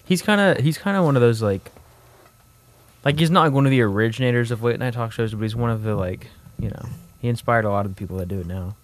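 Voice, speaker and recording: A young man co-hosting a casual podcast chat, talking in a rambling, halting way with many restarts. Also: mid-range voice, no echo. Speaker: podcast co-host.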